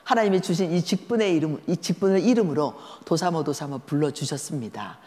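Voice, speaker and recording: A woman's voice: sits low, brisk. A woman giving a storytelling sermon at a church seminar, talking conversationally and asking the listeners questions. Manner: lively, conversational, asks the audience questions. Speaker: guest lecturer at a church seminar. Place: large church sanctuary. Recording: echoey church hall.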